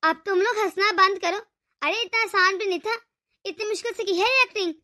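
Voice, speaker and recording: A domineering old mother-in-law from a cartoon, voiced by a woman, barking orders at the household in a bright, high voice with a bossy, commanding edge. She schemes and lords it over the family. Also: brisk.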